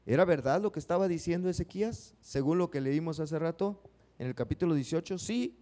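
Male preacher, slightly higher voice, dramatic, quizzes his congregation. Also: fairly quick, mellow. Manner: dramatizes prayers, asks the congregation questions. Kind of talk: sermon.

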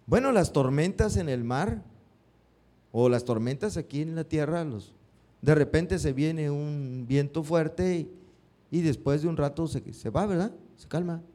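A man's voice: fairly high pitch, measured pace. A man preaching a sermon, often stopping to put questions to his congregation. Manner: asks the congregation questions, lively rising emphasis.

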